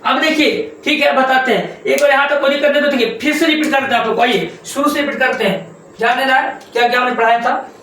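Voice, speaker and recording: A man's voice: extremely high pitch, quick pace, sharp tone, a little hiss or hum. A male Sanskrit grammar teacher giving a classroom lecture, repeating each point and quizzing students with rhetorical questions. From India. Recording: very echoey room.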